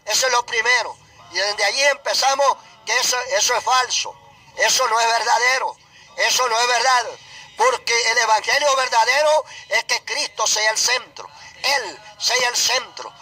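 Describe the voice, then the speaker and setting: Male preacher, very high tense voice, fervent repetitive sermon, shouted peaks, music bed. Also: steady tone, normal speed, rough recording.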